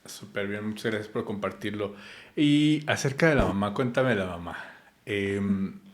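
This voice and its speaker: A man's voice: fairly low pitch, normal speed. A man hosting a podcast interview, asking curious questions with hesitations and fillers. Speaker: podcast host.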